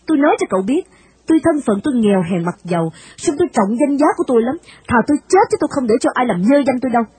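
A woman's voice: high voice, expressive, rapid-fire, a little mellow, husky, no room sound. A woman voicing a poor, proud young woman who answers firmly and formally with indignation. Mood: indignant.

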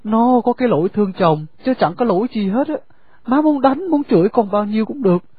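A woman's voice: fairly high pitch, lively intonation, brisk, slightly rough, no room sound. A woman voicing a devoted young husband who pleads earnestly with his mother. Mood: pleading. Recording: phone-like narrow sound.

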